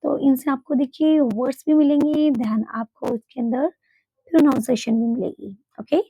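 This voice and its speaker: High husky woman teaching English. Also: fairly even intonation, dark tone, dry recording. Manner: explains slowly, repeating example words and asking "clear?". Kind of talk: spoken English lesson. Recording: dull, dry, lo-fi home recording.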